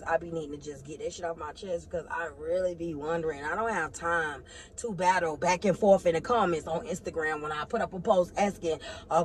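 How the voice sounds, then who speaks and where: A woman vlogger ranting to her viewers on her phone. She is animated and swings between loud outbursts and low muttering. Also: a little hiss or hum. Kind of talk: heated casual rant to camera.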